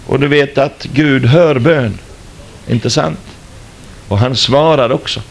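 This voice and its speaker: A man's voice: medium pitch, vocal fry. An older man, a former stage entertainer, telling his religious testimony as a dramatic storyteller who likes rhetorical questions.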